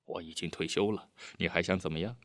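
A man voicing a bitter, weary retired army man who answers curtly and a little quietly in a storybook reading. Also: sits low, fairly even intonation, fast, dry recording, clean studio sound. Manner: bitter, curt, sighing.

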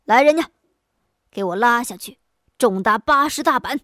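Lady doing a blustery crooked old-style magistrate guy in a folk story, loud and pompous, dry sound. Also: medium pitch, unhurried, dry recording. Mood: angry bellowing. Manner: loud bellowing shouts. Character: corrupt pompous male county magistrate, blustering.

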